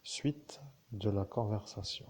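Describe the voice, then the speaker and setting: Man, lowish mellow voice, unhurried; rambling spiritual talk, drifts off on asides. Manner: digressive, musing, with asides and self-corrections. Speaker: spiritual speaker addressing listeners.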